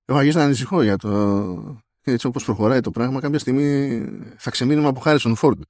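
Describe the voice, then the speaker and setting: A man's voice: medium pitch, a little mellow, dry recording. Guy cohosting a tech podcast, wry, chatty, dry close mic. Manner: chatty, wry, reads out news items. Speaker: podcast co-host. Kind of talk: casual chat about tech news.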